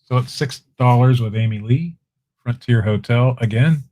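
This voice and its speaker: Speaking at a normal pace in a mid-range voice, a man runs a casual auction on a live stream. He presents items, calls the bids, and keeps up relaxed conversation with viewers in chat.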